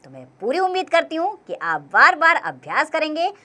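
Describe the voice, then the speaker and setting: A woman's voice: sits high, big pitch swings, normal speed, bright, forceful tone. A young woman teacher patiently explaining a grammar workbook to children, counting aloud and encouraging them.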